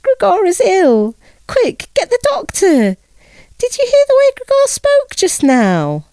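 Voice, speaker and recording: A woman's voice: very high voice, huge pitch swings, slow, warm tone, dry recording, pitched above the performer's own voice, exaggerated voice. A woman voicing a frantic, tearful middle-aged mother in a storybook reading, crying out in panic. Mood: panicked, tearful. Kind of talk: storybook read-aloud.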